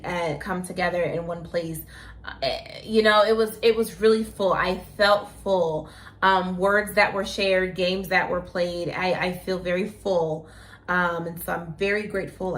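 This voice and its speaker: A woman's voice: on the low side, fairly bright tone. A woman co-hosting a casual chat show, talking in a chatty, effusive way and calling her viewers "y'all". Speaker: co-host.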